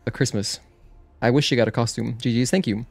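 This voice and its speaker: Here a man with a gravelly mid-range voice speaks briskly in a steady tone, with no room sound. Over video game music, he livestreams his play, rambling casually to viewers and cutting away to react to things and answer them.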